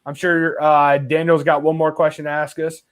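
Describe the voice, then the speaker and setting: A man's voice: a little high, little pitch movement, moderate pace, fairly bright tone, clean tone. A man hosting a casual live stream, reading viewer comments aloud with many "uh" fillers. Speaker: host.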